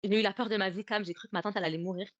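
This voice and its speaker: A woman's voice: medium pitch, steady tone, racing, no room sound, lo-fi sound. A young woman telling a personal story on a livestream, emotional, repeating and restarting her words often. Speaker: guest storyteller.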